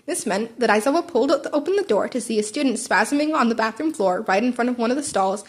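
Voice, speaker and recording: In a home recording with background noise, an amateur fan fiction narrator reads a story aloud. Her voice is fairly high-pitched and expressive, and she talks fast, occasionally stumbling and going back over words.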